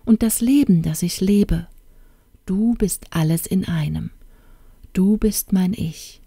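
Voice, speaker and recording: A woman voicing a gentle, lovesick young man in a fairy-tale audiobook, speaking softly and hushed. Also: fairly low pitch, takes it slowly, breathy edge, no room sound, clean studio sound, full character voice. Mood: ardent. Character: lovesick young male gem-cutter, gentle dreamer. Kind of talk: storybook reading.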